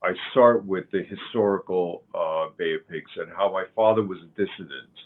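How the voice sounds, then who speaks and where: Slow, deep-voiced man on a thin line. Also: narrow, tinny audio. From Cuba. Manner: slow, halting, with many fillers and restarts. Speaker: guest, author and pagan high priest. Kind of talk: interview conversation.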